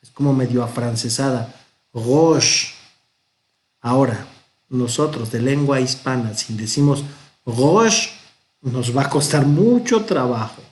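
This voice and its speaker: A man with a Mexican Spanish accent teaching a Hebrew grammar lesson, patient and methodical, sounding out example words slowly. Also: mid-range voice, animated, a little mellow. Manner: patient, explains step by step, pronounces examples slowly.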